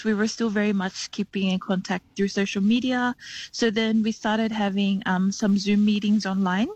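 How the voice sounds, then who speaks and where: A woman's voice: medium pitch, no room sound, low-quality recording. A young woman, a radio interview guest who explains earnestly and at length, with fillers along the way. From New Zealand, raised in Western Sydney. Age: young adult. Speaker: community program manager, guest.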